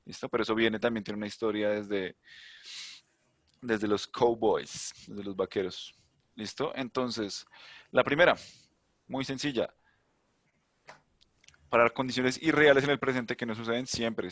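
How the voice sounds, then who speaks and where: A man's voice: lowish voice, a bit bright, no echo. A man teaching an online English class, explaining chattily with asides and rhetorical questions.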